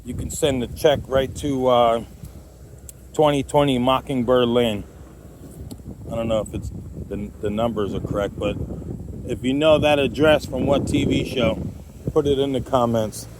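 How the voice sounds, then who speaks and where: A man with a medium-pitched voice talks off the cuff to his viewers. He rambles in a jokey, conversational way, like a hobbyist making a vlog. There is slight noise behind him. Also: steady tone, unhurried, pauses often. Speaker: amateur radio hobbyist vlogger. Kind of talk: casual chat to viewers.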